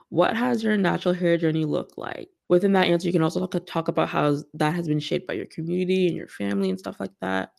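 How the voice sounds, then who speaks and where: A woman's voice: on the low side, creaky, darkish tone. A young woman hosting an interview, chatting casually and reading scripted narration. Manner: casual, filler-heavy in chat. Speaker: host.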